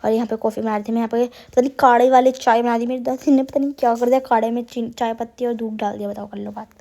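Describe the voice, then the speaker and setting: A woman's voice: fairly high pitch, steady tone, quick pace, creaky, dark tone. A young woman vlogger with a sore throat, chatting through a self-mocking voice-over about her family day. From Uttarakhand hills, India. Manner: chatty, self-mocking, addresses viewers as guys. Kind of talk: casual voice-over narration.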